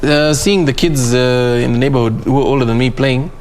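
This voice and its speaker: A man's voice: medium pitch, fairly quick, darkish tone, a little hiss or hum. A man from Kenya co-hosting a studio sports discussion, talking emphatically and tagging his points with "okay?". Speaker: sports show co-host.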